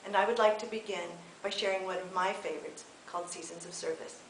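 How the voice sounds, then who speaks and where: A middle-aged American woman from California, running for office, delivers a prepared video statement that is measured, earnest, and slightly halting. Her voice is medium-pitched and darkish, recorded in an echoey room with faint hiss.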